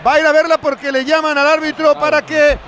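Very high, excited male football commentator. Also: fast talker, heavy background noise.

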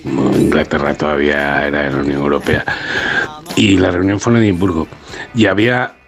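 A man calling in to a radio show, telling an anecdote in an unhurried way with pauses. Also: a bass voice. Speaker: caller.

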